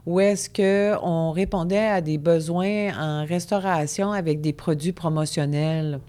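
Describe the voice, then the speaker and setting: A woman's voice: on the low side, steady tone, measured pace, mellow. A woman in her forties with a Quebec French accent, a business owner chatting as a guest in an interview, often restarting her sentences. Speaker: guest entrepreneur. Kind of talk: casual interview.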